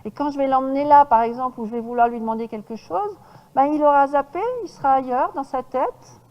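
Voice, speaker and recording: A woman horse trainer giving a lecture to an audience, lively and demonstrative, often checking in with her listeners. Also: sits high, brisk, big-room sound, highs cut off.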